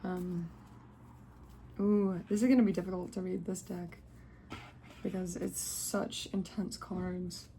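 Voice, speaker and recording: Woman, gravelly voice, casual tarot reading, rambling, faint hiss behind. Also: on the low side, fairly even intonation, takes it slowly, long pauses, mellow. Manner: rambling, self-interrupting, laughs often. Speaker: tarot reader. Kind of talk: casual spiritual card reading.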